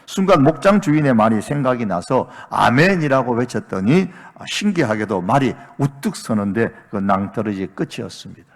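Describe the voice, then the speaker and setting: A middle-aged man, a senior pastor, preaching a Sunday sermon, telling a story with acted-out dialogue and building to loud emphatic peaks. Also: mid-range voice, sing-song, moderate pace. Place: church sanctuary. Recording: long reverb of a large church sanctuary.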